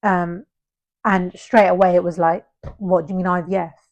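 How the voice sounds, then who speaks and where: A woman's voice: fairly low pitch, steady tone, normal speed, darkish tone, highs cut off. A woman co-hosting a casual podcast, talking earnestly in long, explanatory run-on points. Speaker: podcast co-host. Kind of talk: casual chat.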